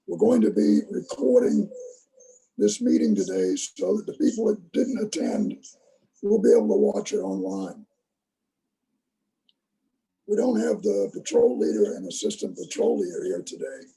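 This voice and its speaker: Hoarse, gravelly-voiced troop leader. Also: male voice, high-pitched, fairly even intonation, normal speed, long pauses, dark tone, rough recording. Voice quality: gravelly, rough voice. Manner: patient, instructive, checks that he is understood. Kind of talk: leading an online youth meeting. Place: video call. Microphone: tablet on a video call.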